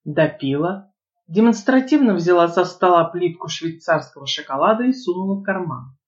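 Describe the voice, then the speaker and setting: A woman reading a first-person novel aloud as an audiobook narrator, in a lively, expressive storytelling manner. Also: on the low side, normal speed, dull audio.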